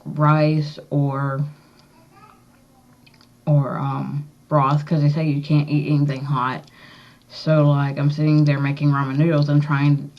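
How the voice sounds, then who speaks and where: A woman chatting casually in a rambling, halting, matter-of-fact way, talking with a slightly swollen tongue. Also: sits low. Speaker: vlogger. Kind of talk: casual chat to camera, piercing update. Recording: dull, lo-fi recording.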